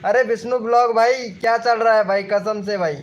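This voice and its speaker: Guy streaming live, super high voice, hyped and repeating himself, bro this bro that. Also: normal speed, lo-fi sound. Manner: excited, repetitive, calls everyone brother. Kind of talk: casual live-stream chat reading viewer comments.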